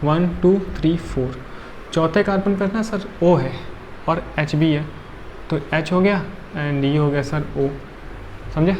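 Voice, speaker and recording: A man's voice: a little high, slow pace, a little mellow, a little hiss or hum. A male chemistry teacher, tired, lecturing a class and counting carbons aloud with frequent checks like "right?".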